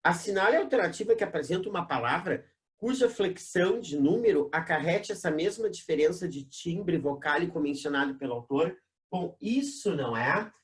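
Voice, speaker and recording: Lively Brazilian teacher full of tag questions. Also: medium pitch. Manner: peppers sentences with tag questions, drawn-out emphasis on key terms. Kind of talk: recorded exam-prep class.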